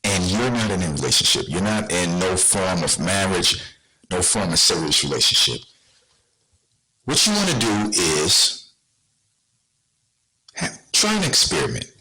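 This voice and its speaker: A man's voice: low-pitched, big pitch swings, unhurried, long pauses, sharp tone, husky, rough recording. A man hosting a podcast, talking casually and bluntly to his viewers, full of rhetorical questions and slang. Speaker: podcast host.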